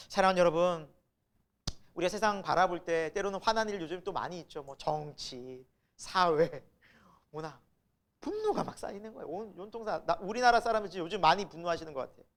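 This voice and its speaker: A male pastor preaching a sermon, asking the congregation rhetorical questions, swinging between loud emphasis and soft asides, with chuckles between points. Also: high voice.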